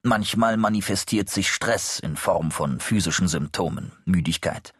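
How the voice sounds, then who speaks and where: A calm psychologist, low voice, husky, smooth and probing, audiobook. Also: male voice, moderate pace, dry recording, studio quality. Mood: soothing. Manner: smooth, even, quietly insistent. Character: calm probing male psychologist, middle-aged. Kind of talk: audiobook character reading.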